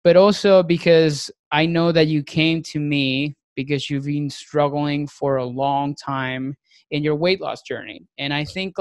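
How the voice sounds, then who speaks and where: A man's voice: fairly high pitch, dry recording. A man from Venezuela, a nutrition coach hosting a podcast, talking casually with many ums and restarts. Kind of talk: casual podcast introduction and interview.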